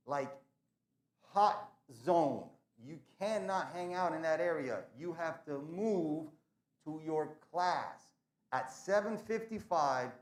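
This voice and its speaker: Man, school administrator on morning announcements; earnest, emphatic, repeats himself; fairly high voice, echoey room. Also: a little mellow.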